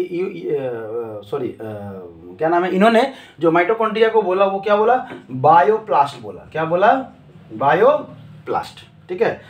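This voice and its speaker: A man with a fairly high voice teaches a class, posing questions and answering them himself. He goes over each key term more than once. The room gives his voice a clear echo. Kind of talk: classroom lecture. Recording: echoey room.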